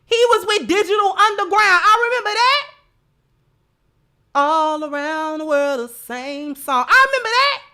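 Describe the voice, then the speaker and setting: Here the livestream host's voice is very high, pushed and bright; she's animated but unhurried. She's an American woman giving opinionated, colloquial commentary, stressing and repeating phrases to drive her argument home.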